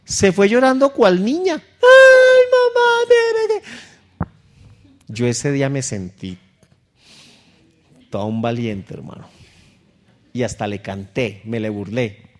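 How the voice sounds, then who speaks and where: A man's voice: medium pitch, sing-song, unhurried, pauses often. A middle-aged man, a pastor preaching a sermon in a conversational, storytelling way that speaks directly to his listeners.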